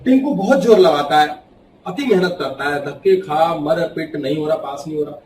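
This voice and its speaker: A male spiritual speaker addresses a live audience in an echoey hall, his voice caught from some distance off the mic. His slightly high voice swings between loud outbursts and near-whispers as he acts out little quoted characters. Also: normal speed, slight background noise.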